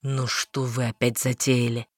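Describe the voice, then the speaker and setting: Anxious young male mage, voiced by a woman, gloomy, tense, slow lowered voice, dry sound. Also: flat delivery, breathy edge, no echo, full character voice. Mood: distraught.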